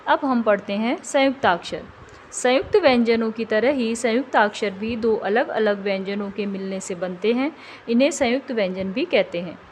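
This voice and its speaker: A woman with a fairly high voice narrates a tutoring lesson in a steady, scripted way. She slows right down to stretch out each example word, and a faint hiss of background noise sits behind her. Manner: slow, carefully drawn-out example words.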